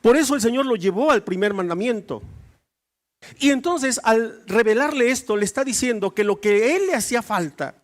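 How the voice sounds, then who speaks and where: Lively high-pitched male pastor preaching. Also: normal speed. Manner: animated, acts out dialogue with shifting voices. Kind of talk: sermon.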